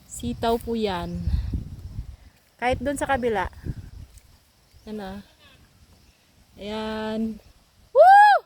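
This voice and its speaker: A woman's voice: fairly high pitch, drawn-out words, long pauses, background noise. A young woman, vlogging casually on a vegetable farm while filming on her phone, chatty and repetitive as she points things out to viewers. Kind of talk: casual walking tour vlog.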